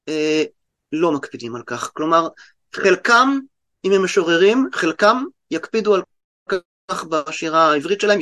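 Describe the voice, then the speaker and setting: Man, Israeli accent, high-pitched voice, conversational interview guest, halting explanations with restarts. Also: pushed and bright. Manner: halting, often restarting mid-word. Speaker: guest translator and poet.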